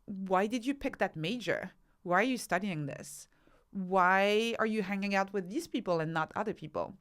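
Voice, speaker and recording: Here a woman speaks at normal speed in a mid-range, slightly bright voice. She's a researcher and author guesting on a podcast, and her interview answers are instructive, built around rhetorical questions and examples she acts out.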